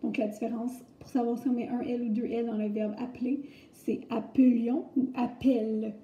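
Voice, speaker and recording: Young woman, Québécois French accent, grammar lesson, mellow dark tone, fairly high voice, muffled echoey recording. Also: level tone, brisk. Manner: chatty, explains step by step with many fillers. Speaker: French teacher.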